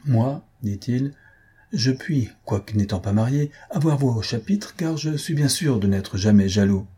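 Male reader as a smug bachelor with clumsy jokes, slow and pompous. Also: mid-range voice, lively intonation, mellow, husky. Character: clumsy joking bachelor, self-assured.

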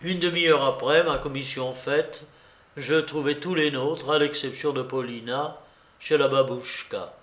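A male narrator reads a classic novel slowly and deliberately, his voice sitting a little high. The recording has a noticeable roomy echo. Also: steady tone, a bit bright. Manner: measured, deliberate storytelling. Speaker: audiobook narrator. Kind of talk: scripted literary narration.

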